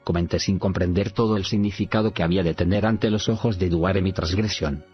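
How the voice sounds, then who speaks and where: A man narrates an audiobook in a very low, steady voice, even reading out punctuation marks. The recording sounds slightly muffled. Faint music plays underneath his narration. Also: a little fast.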